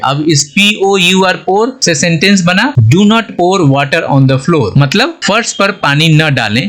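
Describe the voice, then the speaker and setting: Lively high-voiced man teaching English words. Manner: spells words letter by letter, reads example sentences slowly; often says "okay" and "right". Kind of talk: explaining English vocabulary in Hindi.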